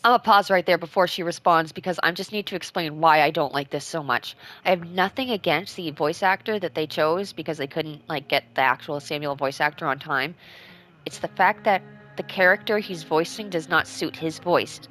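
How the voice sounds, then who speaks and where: A woman's voice: sits low, moderate pace, fairly bright tone. A woman giving casual, opinionated gameplay commentary as she plays, with chatty asides. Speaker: gamer, let's-player.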